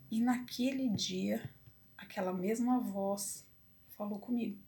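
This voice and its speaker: A woman telling a personal story to camera, emotional and halting with many restarts. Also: mid-range voice, darkish tone. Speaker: vlogger. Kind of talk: personal confessional talk.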